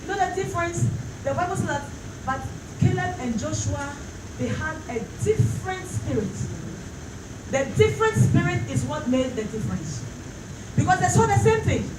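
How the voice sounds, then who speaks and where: High-pitched woman preaching, echoey and distant. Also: lively intonation, normal speed. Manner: emphatic repetition, rhetorical questions to congregation. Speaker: pastor preaching. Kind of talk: fervent church sermon. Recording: roomy, distant mic, clearly noisy.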